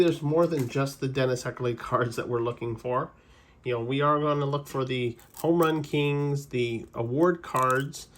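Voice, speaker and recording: A man's voice: on the high side, slightly rough. A man casually opening trading card packs on his channel, rambling through player trivia and correcting himself as he goes. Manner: chatty, rambling trivia asides with self-corrections. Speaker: card-collecting channel host. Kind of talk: casual pack-opening commentary.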